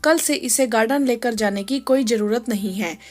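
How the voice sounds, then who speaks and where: A woman voicing a young working mother, a quick-tempered daughter-in-law who scolds in a sharp, clipped way in a storybook tale. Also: a little high, lightly acted. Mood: sharp, annoyed.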